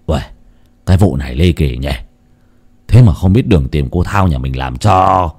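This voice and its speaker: A man's voice: very deep voice, lively intonation, moderate pace, a little mellow, breathy edge, voice pushed down, heavily acted. A man voicing a chatty, boastful middle-aged male neighbor who banters loosely. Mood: gossipy.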